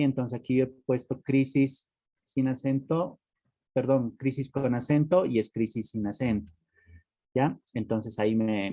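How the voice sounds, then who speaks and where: Mellow and medium-pitched, a man leads an online lesson with no echo on the recording. He keeps asking "¿no?" and "¿sí?" after nearly every phrase, explaining patiently and repeating words along the way.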